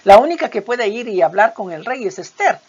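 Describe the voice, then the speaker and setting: Sexo: mujer. Estilo: sermón, voz ronca. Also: female voice, medium pitch, fairly quick, breathy edge. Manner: expressive Bible reading with dramatic voiced quotes; hesitant fillers between points. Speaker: preacher. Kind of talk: sermon. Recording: dull lo-fi recording.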